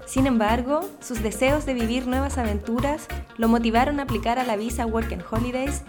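Higher-voiced woman hosting an interview. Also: normal speed, music in the background. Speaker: host. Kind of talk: interview hosting and scripted intro.

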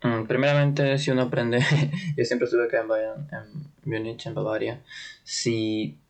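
A young man from Peru, talking casually in an interview. He hesitates and hunts for words, with frequent little laughs, at an ordinary pitch for a man. His delivery is relaxed and unhurried. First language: Spanish. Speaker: interview guest, trainee in Germany.

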